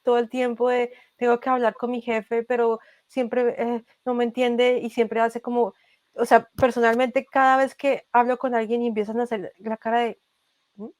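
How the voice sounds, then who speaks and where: Colombian woman guest, young adult, reflective and halting, a bit high-pitched, dry close sound. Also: level tone, darkish tone, no echo. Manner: thoughtful, many restarts and fillers. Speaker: podcast creator, interview guest. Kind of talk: casual interview conversation.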